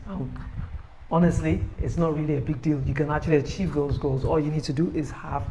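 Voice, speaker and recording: A man giving an upbeat, persuasive sales pitch for his own book, recorded on a phone camera. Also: steady tone, brisk, mellow, a little hiss or hum, low-quality recording. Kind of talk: motivational self-promotion video.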